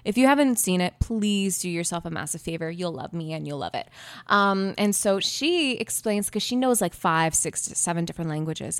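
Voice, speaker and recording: A young Canadian woman co-hosting a casual podcast, chatty and digressive, often checking that her point lands. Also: medium pitch. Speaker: podcast co-host. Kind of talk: casual chat.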